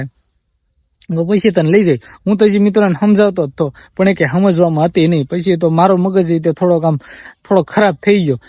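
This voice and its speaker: A man's voice: on the high side, warm tone, dry recording, studio quality. A young man, talking to viewers in a subdued, rambling vlog from his family farm. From Gujarat, India. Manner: subdued, rambling and repetitive, often quoting others. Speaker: vlogger.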